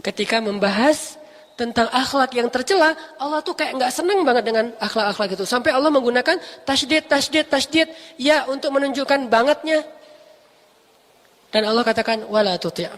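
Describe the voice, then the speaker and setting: Lively Quran teacher in a reverberant space. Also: mid-range voice, moderate pace. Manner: explains Arabic terms with emphatic repetition; casual, lively, jokes with listeners. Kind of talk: Quran study lesson. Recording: long reverb.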